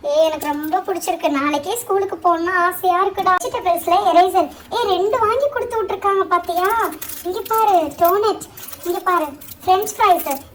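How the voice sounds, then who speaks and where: A woman voicing Hafsa, an excited, chattering schoolgirl in a doll show, speaking. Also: very high-pitched, slight background noise, low-quality recording. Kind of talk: doll show role-play.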